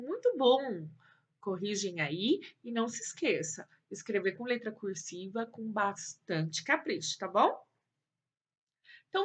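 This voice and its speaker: A woman's voice: on the high side, a bit bright. A Brazilian woman teaching young children in a recorded lesson, patient and coaxing, praising often. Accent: Brazilian Portuguese. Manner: slow, patient, coaxing, praises and uses diminutives. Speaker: primary school teacher.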